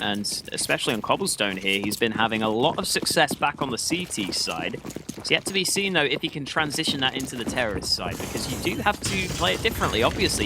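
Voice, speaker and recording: A man working as an esports caster, giving analytical commentary on a live match and explaining tactics with his own opinions. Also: mid-range voice. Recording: clear background noise with clicks.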